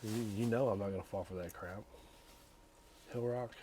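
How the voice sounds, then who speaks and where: Low-voiced guy muttering bourbon prices, joking around, store noise behind. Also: steady tone, moderate pace. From Tennessee. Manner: joking, dry running price commentary; talks softly, half-whispering in the store. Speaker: bourbon reviewer and channel co-host. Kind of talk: casual walk-through vlog. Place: liquor store aisle.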